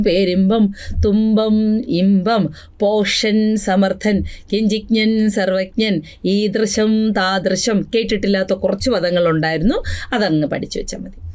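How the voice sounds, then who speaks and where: A young woman teaching an exam revision lesson. She drills word lists slowly, then chats quickly with asides, and calls her students "children". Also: mid-range voice, darkish tone. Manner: addresses students fondly as children.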